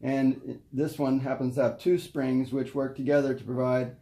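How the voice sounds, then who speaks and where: A man demonstrates an antique gramophone carefully, step by step, explaining unscripted as he works. His voice is medium-pitched and dark, with a flat delivery at normal speed. The recording has a roomy echo along with faint noise and clicks.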